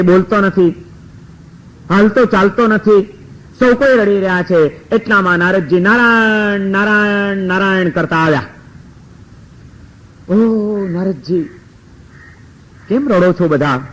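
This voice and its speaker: A man preacher giving a sermon, telling a story in a lively, animated way. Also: sits high, a little slow, slight background noise, rough recording.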